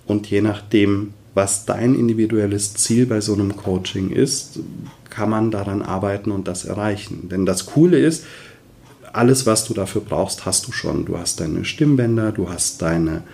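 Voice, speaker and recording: A man's voice: fairly low pitch, normal speed, creaky, darkish tone. A man working as a voice coach, explaining his work enthusiastically in a conversational interview.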